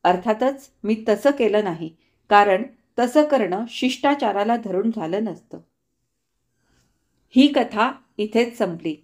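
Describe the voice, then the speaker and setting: Woman reading a story out loud, high-ish voice, expressive and steady.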